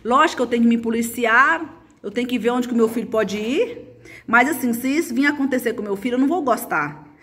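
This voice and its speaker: A woman's voice: fairly high pitch, fairly quick, fairly bright tone, husky. A woman from Brazil, a mother and a teacher, giving a chatty, coaxing remote lesson to schoolchildren. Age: adult, mother. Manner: chatty, coaxing, often adds "gente".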